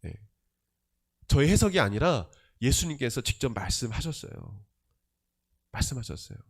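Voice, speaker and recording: Animated Korean pastor preaching a sermon. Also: male voice, medium pitch, normal speed, gravelly, breathy edge. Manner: emphatic, rhetorical questions, swings between loud and soft.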